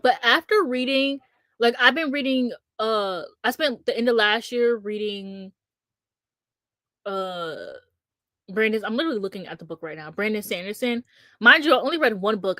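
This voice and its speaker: A woman's voice: a little high, fairly bright tone, no room sound. A woman in her twenties chatting casually about books, rambling with frequent restarts and filler words, blunt and candid. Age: 20s. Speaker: streamer host.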